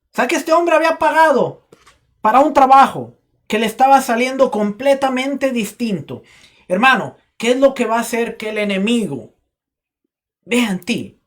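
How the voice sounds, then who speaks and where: Pastor, male, high voice, emphatic sermon delivery with repetition. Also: lively intonation, normal speed, fairly bright tone. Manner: emphatic, repeats phrases for stress.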